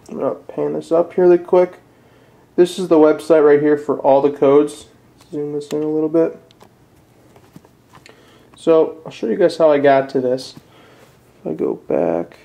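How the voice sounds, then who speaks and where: An amateur how-to presenter, a young adult man from northern Illinois with a Midwestern American accent, talks through a tutorial step by step from an indoor desk. His voice is a little high and mellow, and he speaks casually, somewhat hesitantly, in plain words.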